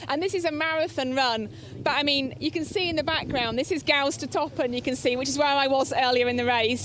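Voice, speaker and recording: A woman's voice: high-pitched, fairly bright tone. A woman reporting live from an outdoor race aid station, chatty and upbeat, laughing often. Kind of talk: live trackside commentary.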